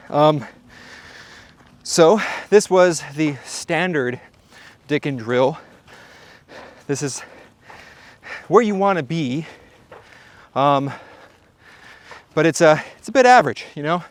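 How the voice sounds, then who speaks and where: Speaking slowly with long pauses, a man with a fairly high voice narrates a casual range vlog for his shooting channel. He is animated, playful and jokey, addressing the viewer directly, and at times he runs out of breath.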